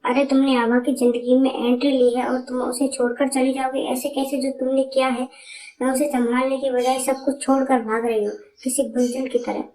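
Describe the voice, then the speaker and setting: A woman's voice: high voice, flat delivery, normal speed, dark tone, close to an everyday voice. A woman voicing Disha, a blunt, scolding friend. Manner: bossy and scolding. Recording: roomy, from a distance.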